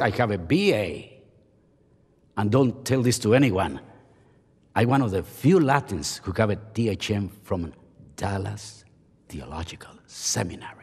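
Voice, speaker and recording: Speaking from the podium of a large seminary chapel auditorium, an older man who teaches at the seminary gives a chapel sermon full of playful self-mockery. His low-leaning voice is slightly rough, and the podium mic captures a long hall reverb.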